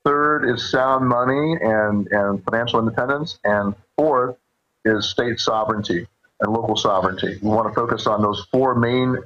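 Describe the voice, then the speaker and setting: A man speaking as a radio show guest, explaining things in a measured way with a husky voice. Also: medium pitch, fairly bright tone, dull audio. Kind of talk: measured explanatory interview talk.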